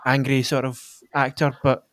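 A man's voice: medium pitch, completely flat delivery, moderate pace, a bit bright, no room sound. A man, chatting casually about films as a podcast co-host, rambling with lots of fillers and restarts. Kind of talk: casual film chat.

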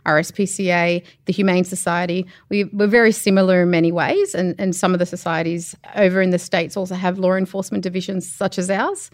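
An Australian woman, an animal welfare area manager, giving measured, sober answers in an interview. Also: fairly low pitch, little pitch movement, no echo, studio quality.

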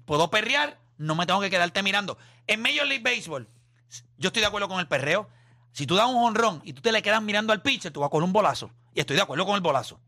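A young man hosts a casual sports debate, pressing his argument with drawn-out, emphatic phrasing. His voice sits high and sounds very bright and forceful. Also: lively intonation. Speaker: sports podcast host.

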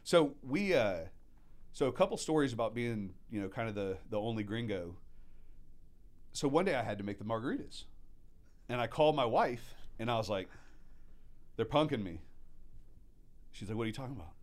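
A restaurant manager on as a guest, a man born in Mexico to American parents, tells restaurant stories in a casual, animated way, acting out quotes. His voice is medium-pitched, his pace moderate, with long pauses.

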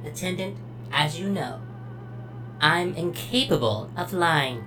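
A woman's voice: low voice, expressive, takes it slowly, music in the background. A woman playing a polite, logical computer cash register in an audio drama, speaking formally and precisely. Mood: measured, reassuring. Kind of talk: scripted audio drama acting. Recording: clearly audible humming noise.

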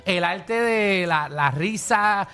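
A man's voice: sits high, slow pace, sharp tone, clean tone. A Puerto Rican man hosting a radio show, bantering casually and laughing often.

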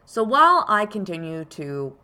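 A woman's voice: medium pitch, very animated, normal speed, pushed and bright. A woman hosting a podcast as a card reader, explaining things informally and directly to her listeners.

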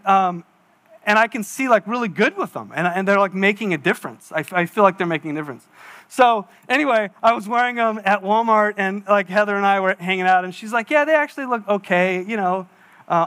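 A pastor in his forties giving a sermon, with a high and bright voice. He talks in a chatty, self-mocking way and tells stories with acted-out asides. It is a man speaking to his congregation in a church. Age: 40s. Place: church hall.

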